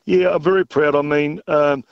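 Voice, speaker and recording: A man's voice: fairly high pitch, fairly even intonation, moderate pace, clean tone, no room sound. An older-sounding Australian man from South Australia reminiscing casually as an interview guest, with a laconic, matter-of-fact, self-effacing drawl. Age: middle-aged or older. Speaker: retired footballer, interview guest. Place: phone call into a radio show. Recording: slightly dull phone-in audio.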